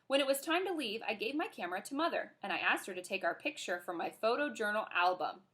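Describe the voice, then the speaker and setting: Animated woman reading a kids' book. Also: mid-range voice, fast. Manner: expressive, animated. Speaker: reader. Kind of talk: reading a children's book aloud.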